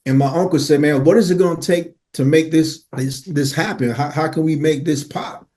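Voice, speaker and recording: A man's voice: on the high side, fairly even intonation, normal speed, darkish tone. A man in his forties from Miami, a podcast guest telling his life story earnestly, with casual slang and many "uh"s and "right?"s. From Miami, Florida. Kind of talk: storytelling in an interview.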